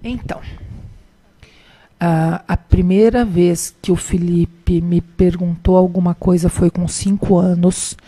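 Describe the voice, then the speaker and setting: Warm-voiced woman telling a story. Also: takes it slowly. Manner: recounts events by acting out dialogue, animated pitch jumps. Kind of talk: conversational storytelling.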